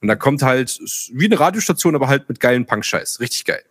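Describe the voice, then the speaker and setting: Animated man telling stories, dry sound. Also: medium pitch, quick pace, breathy edge, no echo. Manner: animated storyteller, acts out dialogue, swears casually. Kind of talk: casual chat.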